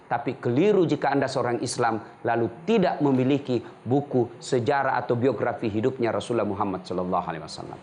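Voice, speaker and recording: A man preaching on a TV show, lively and joking, telling humorous stories and often laughing as he speaks. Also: medium pitch.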